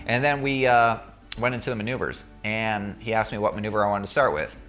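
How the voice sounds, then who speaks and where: A man's voice: lowish voice, fairly even intonation, a little fast, fairly bright tone, faint music behind. A man talking casually and candidly to viewers, recounting his own experience as a student pilot in a conversational way.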